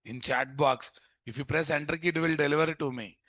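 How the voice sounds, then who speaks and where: A man's voice: on the high side, brisk, a bit bright, no echo, highs cut off. A man with a Telugu Indian English accent teaching an informal live coding class, repeating his instructions and quizzing students with questions. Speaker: programming instructor.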